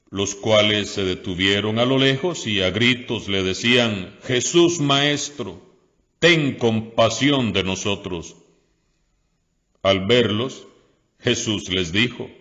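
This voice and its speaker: A Costa Rican priest reading scripture aloud in a slow, measured way, then preaching a homily. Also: male voice, lowish voice, fairly bright tone. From Costa Rica. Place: parish church. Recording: dull lo-fi audio with long church reverb.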